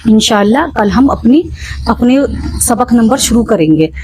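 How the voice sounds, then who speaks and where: A woman giving a spoken lesson on Quran recitation, patiently explaining and repeating examples slowly. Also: fairly high pitch, animated, darkish tone. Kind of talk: spoken religious lesson for beginners.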